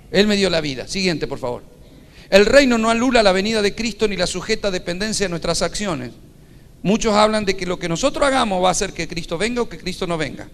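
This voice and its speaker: A man, a pastor preaching a sermon emphatically and repeating his key points. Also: high voice. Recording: long hall reverb.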